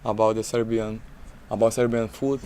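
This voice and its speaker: A young man at a youth exchange, speaking in simple, halting phrases. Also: fairly low pitch, flat delivery, mellow, slight background noise. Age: young adult.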